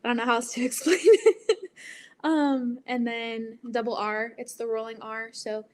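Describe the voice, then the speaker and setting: With a voice on the high side at normal speed, a woman casually presents Spanish pronunciation online. She keeps it chatty, filling her talk with ums, likes and laughs as she covers the basics.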